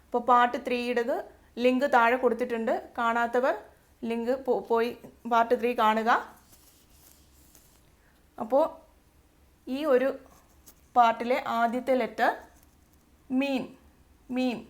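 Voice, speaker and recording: Malayali lady tutor, bit high voice, repeats each letter slow and patient. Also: flat delivery. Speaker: Arabic tutor. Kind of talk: step-by-step alphabet lesson.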